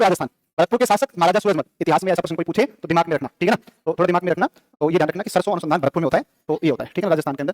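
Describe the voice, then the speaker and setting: A male teacher, lecturing a classroom, quizzing students and answering his own questions in quick repetitive drills. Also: sits high, dry recording.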